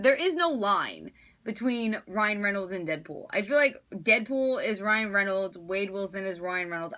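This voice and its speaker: Bright-voiced chatty woman reviewing a movie. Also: mid-range voice. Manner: enthusiastic, chatty, filler-heavy. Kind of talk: casual spoken movie review.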